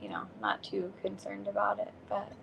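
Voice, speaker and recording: A young woman guest chatting casually on a podcast, giggling often and pausing with hesitant fillers. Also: medium pitch, big pitch swings, vocal fry, a bit bright, lo-fi sound, a little hiss or hum. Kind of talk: casual chat.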